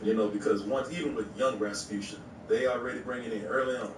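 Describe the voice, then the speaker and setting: A man's voice: mid-range voice, fairly even intonation, fast, background noise. A man from Louisiana hosting a casual movie commentary, rambling and laughing with lots of slang. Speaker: host. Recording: echoey room, far from the mic. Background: TV audio.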